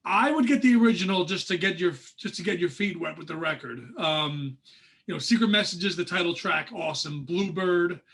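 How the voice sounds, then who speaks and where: A man's voice: high voice, normal speed, creaky, a bit bright, slightly rough. A man in his forties co-hosting a casual music podcast, talking eagerly in rambling bursts full of fillers and restarts. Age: 40s. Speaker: podcast co-host. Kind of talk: casual chat.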